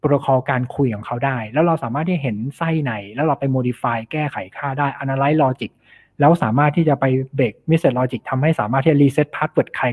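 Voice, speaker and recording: Presenting informally at an online meetup with slides, a man speaks in a medium-pitched, slightly rough voice. He's a cybersecurity specialist explaining his topic and using English technical terms, and the thin meeting audio resembles a phone line.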